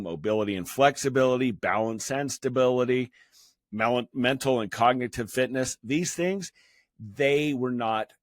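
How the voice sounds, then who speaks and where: A man's voice: medium pitch, no room sound, studio quality. A man in his fifties hosting a fitness channel, talking earnestly and personally with frequent restarts and fillers. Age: 50s. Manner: earnest, halting with many restarts. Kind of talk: personal talk to camera.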